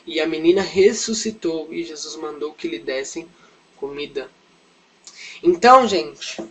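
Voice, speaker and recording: A children's Sunday school teacher with a slightly high voice tells kids a Bible story in a casual, chatty way, often adding "né" and lightly acting out the quotes. The audio quality is poor.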